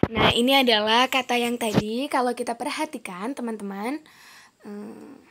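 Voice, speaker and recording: A woman's voice: fairly high pitch, normal speed, a bit bright, a little hiss or hum. A woman teaching a recorded online lesson, patiently modeling pronunciation and saying each word twice. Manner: patient, explanatory, addressing students as friends. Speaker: Arabic teacher.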